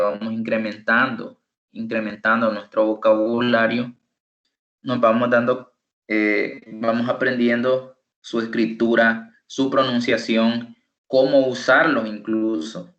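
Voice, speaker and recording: Slow, deliberate male tutor in echoey room. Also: lowish voice, fairly bright tone, muffled recording. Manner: slow, deliberate, repeats words for pronunciation drills. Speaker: English tutor. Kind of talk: online class teaching. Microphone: computer microphone.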